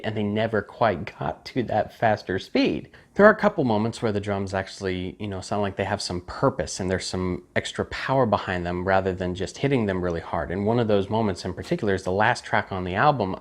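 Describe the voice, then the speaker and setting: A man giving a casual, candid spoken album review with a critical, conversational manner. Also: lowish voice. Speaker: music reviewer.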